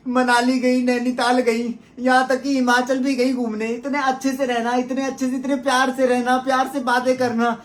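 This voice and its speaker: A man pleading in an emotional vlog monologue, repeating himself as he admits fault. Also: very high voice. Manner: pleading, repetitive. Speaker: pleading ex-partner.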